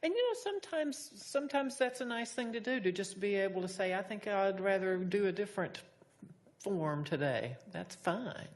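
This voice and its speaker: A woman's voice: medium pitch, animated, moderate pace. A woman teaching meditation, leading an informal group discussion in a hesitant, reflective way and echoing back what participants say.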